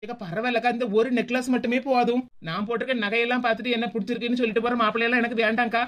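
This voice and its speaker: A woman voicing a shy, modest young village bride-to-be with a Tirunelveli Tamil accent, giving soft, polite, timid replies. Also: fairly high pitch, flat delivery, very fast, close to an everyday voice.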